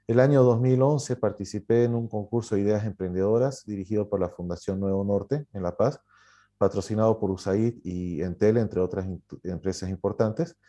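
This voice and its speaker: Mellow-voiced man telling a story. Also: fairly low pitch. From Bolivia. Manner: storytelling, frequent fillers and self-corrections. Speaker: publisher and writer, guest. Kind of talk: conversational interview answer.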